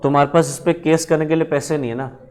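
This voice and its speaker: A male teacher acting out a smooth-talking schemer who offers help, in a coaxing, friendly way. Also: on the high side, fairly even intonation, fast talker, a little mellow, lightly acted.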